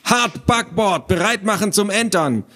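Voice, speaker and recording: A man voicing an excitable little boy who plays pirate and scares easily. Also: unhurried, exaggerated voice. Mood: excited, shrill. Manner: shrill, easily frightened.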